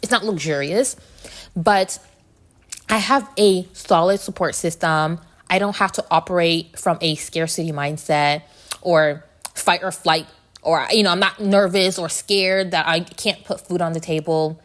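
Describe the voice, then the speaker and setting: A woman's voice: fairly low pitch, measured pace, a bit bright. A woman hosting a casual, reflective solo podcast, speaking candidly and conversationally, with slightly muffled articulation from braces. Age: adult. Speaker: podcast host.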